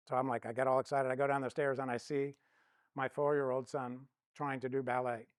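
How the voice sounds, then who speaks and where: A man's voice: medium pitch, no room sound. Man telling stories in a teaching talk. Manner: storytelling, acts out quoted dialogue. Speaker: counseling instructor.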